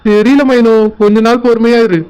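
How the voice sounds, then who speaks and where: A man voicing a gentle young doctor husband in a cartoon, speaking in a calm, coaxing way to his wife. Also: very high-pitched, brisk, very noisy. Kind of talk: cartoon voice acting.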